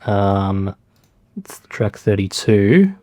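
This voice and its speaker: Male producer, low-ish voice, dry sound, casual and self-deprecating tutorial delivery. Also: extremely slow, dry recording. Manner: relaxed, lots of fillers, self-deprecating. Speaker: music producer.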